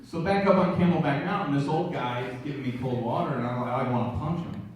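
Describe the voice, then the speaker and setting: A man's voice: fairly high pitch, fast, distant mic. A man joking and chiming in casually on stage during a guest's story. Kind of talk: casual onstage banter. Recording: very echoey hall, mic from afar, noisy.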